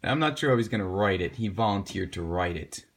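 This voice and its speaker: Husky low-voiced male math teacher. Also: animated, a little fast. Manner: patient, encouraging, talks to the viewer. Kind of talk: homework help video lesson.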